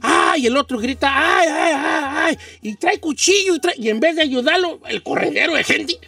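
Mexican male radio host, very high bright voice, slangy and rambling, slightly distant mic, faint music behind. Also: normal speed, gravelly. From Michoacán, Mexico. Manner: slangy, rambling, animated storyteller. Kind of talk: casual storytelling chat.

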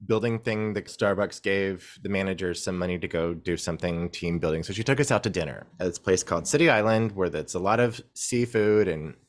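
A man's voice: low voice, a little fast, few pauses. A man guesting on a podcast, telling rambling stories in casual chat, often breaking off and restarting his sentences. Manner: rambling storyteller, self-interrupting.

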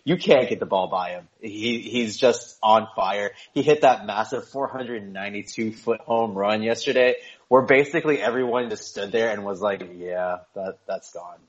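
A man's voice: on the low side, moderate pace. A man co-hosting a sports podcast, chatting eagerly and joking as he talks. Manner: enthusiastic, chatty, jokes and self-censors. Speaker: podcast co-host. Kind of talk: casual podcast chat. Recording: dull lo-fi sound.

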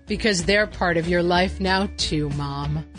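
A woman playing a mock-earnest infomercial announcer, deadpan and salesy, in a scripted parody ad. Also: fairly low pitch, unhurried, faint music behind, natural voice.

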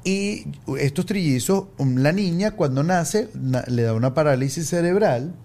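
A man, a podcast guest telling stories in lively casual conversation, acting out voices as he goes. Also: a little high, normal speed. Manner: animated storyteller, acts out quoted voices. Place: recording studio.

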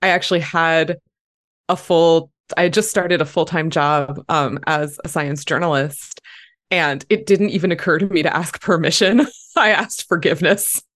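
A woman's voice: low-pitched, normal speed, a bit bright. A woman podcast host chatting casually in an informal, emphatic, joking way. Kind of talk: casual chat.

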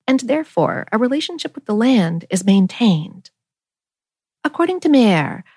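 A woman's voice: on the high side, darkish tone, no room sound, clean studio sound. A woman podcast host reading a scripted explanatory narration.

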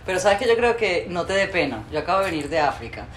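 A woman with a Venezuelan Spanish accent hosting an interview, animated and opinionated. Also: fairly low pitch, fast talker, a little hiss or hum. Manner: animated, opinionated, colorful speech. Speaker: interview host. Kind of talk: casual interview chat. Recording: roomy with faint ambience.

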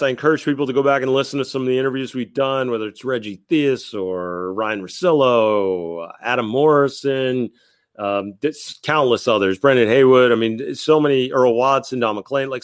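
A man's voice: mid-range voice, moderate pace, dry recording. Guy in his 30s telling stories on a podcast, repeats himself a lot, super dry sound. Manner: rambling, repeats words, enthusiastic. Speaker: podcast guest. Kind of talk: casual interview storytelling.

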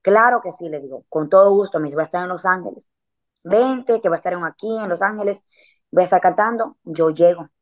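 A woman's voice: on the low side, quick pace, darkish tone. A woman, chatting casually as a podcast guest and telling a story in a slangy way, with frequent filler words.

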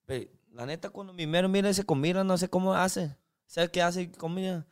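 A man's voice: high voice, a little fast, clear, resonant tone. Chinese man speaking broken street Spanish. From China. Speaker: guest. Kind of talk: casual interview chat.

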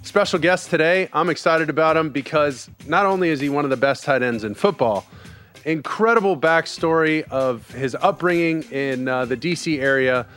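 A man's voice: a little high, normal speed, fairly bright tone, faint music behind. A man hosting a casual podcast interview, asking questions in a chatty, upbeat way. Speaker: podcast host.

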